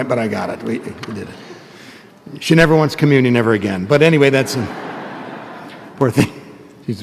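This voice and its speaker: A male priest reading the gospel and giving a homily in a chatty, self-mocking storytelling manner, recorded in a church with a long cathedral-like reverb. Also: a little high.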